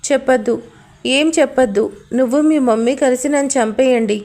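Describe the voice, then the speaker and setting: A woman's voice: high-pitched, normal speed, darkish tone, close to an everyday voice. A woman reading the lines of a hurt, fiery young woman in a love story, talking sharply and accusingly.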